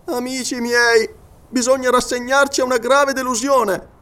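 A man reading aloud and voicing an excitable, theatrical male scholar who declaims his explanations. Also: extremely high pitch, moderate pace, pitched above the performer's own voice. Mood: agitated. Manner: exclamatory, declaiming.

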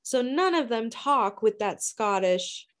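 A woman co-hosting a casual book discussion, blunt and swearing freely with quick asides. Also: on the high side, lively intonation. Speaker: book podcast co-host.

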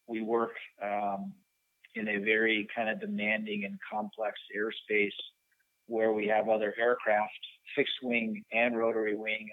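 A man in his fifties, a helicopter pilot with a fire department, answering interview questions thoughtfully and pausing to search for words. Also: on the low side, dry recording. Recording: tinny phone line.

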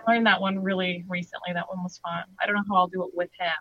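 A woman's voice: fairly low pitch, flat delivery, fast talker, dry recording, lo-fi sound. A young woman in a casual group chat, playful and chatty. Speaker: guest.

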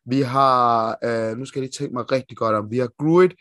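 A Danish man co-hosting a podcast in casual chat, excitable and swearing freely as he gushes about comic lore. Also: medium pitch, no echo, clean studio sound. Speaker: podcast co-host.

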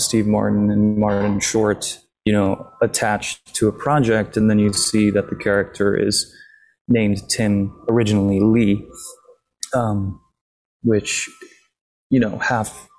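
Man from Japan, hushed near-whisper, lowish pitch, casual interview answers, remote call. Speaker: actor being interviewed. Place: hotel lobby.

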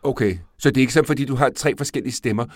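A man co-hosting a casual comedy podcast, rambling and self-mocking, often trailing off quietly and laughing. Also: medium pitch, no room sound, studio quality. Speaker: podcast co-host.

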